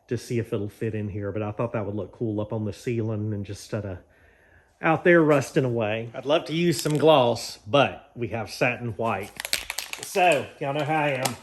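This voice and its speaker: An American man hosts a garage project vlog, chatting casually and folksily to viewers while he works in his garage and yard, thinking aloud as he goes. His voice is medium in pitch, with slight background noise.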